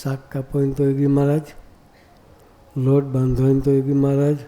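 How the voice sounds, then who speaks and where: A man delivers a devotional sermon in a deep, mellow voice. His pitch stays steady and level, and he keeps turning to the audience with rhetorical questions. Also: moderate pace. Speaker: monk preacher. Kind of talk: devotional discourse.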